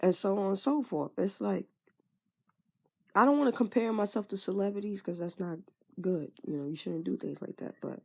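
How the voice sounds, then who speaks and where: This woman, a vlogger in her 20s, vents frankly in a candid monologue about her personal life. Her medium-pitched voice is gravelly and slightly rough, moving at a normal pace, and she casually swears and lets sentences trail off into fillers.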